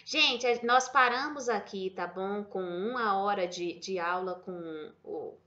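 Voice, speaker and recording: A Portuguese-speaking woman teaching an English lesson in a casual way, repeating words slowly and often checking that her students follow. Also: mid-range voice, sharp tone. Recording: dull lo-fi sound.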